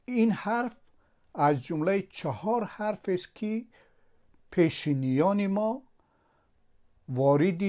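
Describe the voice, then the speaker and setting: This spelling lesson moves slowly as a man patiently spells out letters singly, assembling syllables step by step and repeating patterns methodically. His voice is a little high and a little mellow.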